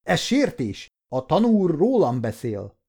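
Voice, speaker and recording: A man voicing a sharp, protesting male defense lawyer in an audiobook story. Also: fairly high pitch, wildly swooping pitch, pitched above the performer's own voice, heavily acted. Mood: indignant.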